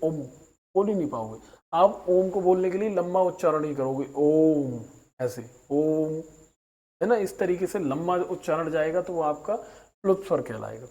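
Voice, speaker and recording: A man's voice: high voice, warm tone, dull audio. A man teaching a grammar class to students, patiently going over each point and stretching out vowel sounds to show them. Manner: patient, explains slowly and drags out vowel sounds as examples; mixes in English words. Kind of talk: recap lesson for students.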